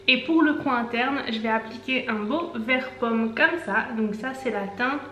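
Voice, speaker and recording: A woman in her twenties, a beauty vlogger talking through a makeup tutorial in a chatty way, with rambling asides and quick self-corrections. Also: on the high side, fairly bright tone, a little hiss or hum. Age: 20s. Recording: echoey room, faint background music.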